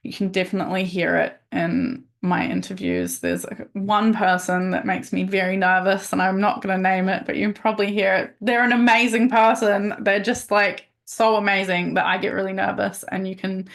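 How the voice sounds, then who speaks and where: A woman's voice: mid-range voice, moderate pace, vocal fry, few pauses. A woman podcast host giving a casual webinar over a video call, chatty and upbeat, with plenty of fillers and restarts.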